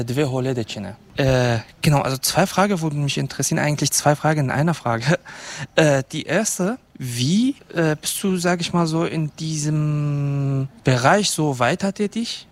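A man moderates a panel, putting questions to guests in two languages. He speaks hesitantly, with many fillers, in a slightly higher voice. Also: normal speed.

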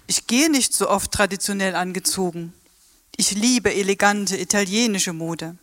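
A woman's voice: medium pitch, moderate pace, a bit bright, no echo, clean studio sound, lightly acted. An actress playing a polite, formal Japanese woman tour guide in a radio play.

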